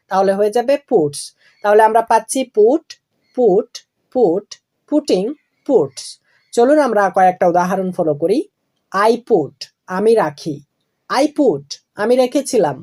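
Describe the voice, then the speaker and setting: Woman, grammar lesson, deliberate, spells out each form, mid pitch. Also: darkish tone. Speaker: English grammar teacher. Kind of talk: classroom explanation of verb forms.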